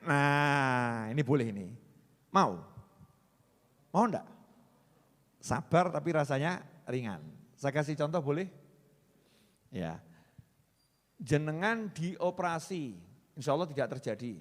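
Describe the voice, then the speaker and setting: A male preacher giving a joking, animated religious talk to a live audience, moving between loud and soft. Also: a little high, takes it slowly, long pauses. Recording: long hall reverb.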